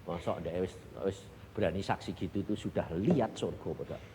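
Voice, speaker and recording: A man with a Javanese accent preaching a sermon and telling his own testimony, swinging from hushed asides to loud exclamations. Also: low-pitched, brisk. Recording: long hall reverb, faint background noise.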